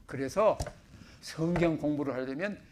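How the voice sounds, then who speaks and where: A middle-aged man from Korea, a pastor giving a chatty sermon, joking about himself and then pressing his points with loud bursts. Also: a little high, moderate pace, a little hiss or hum. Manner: chatty, self-joking preacher with sudden loud emphasis. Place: church sanctuary.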